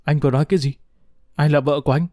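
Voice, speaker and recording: A man's voice: a little high, steady tone, racing, darkish tone, no room sound, clean studio sound, natural voice. A man voicing a young wife who reproaches her former lover through sobs, in a storybook reading. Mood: bitter. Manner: sobbing, bitter reproach. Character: young wife, tearful and resentful.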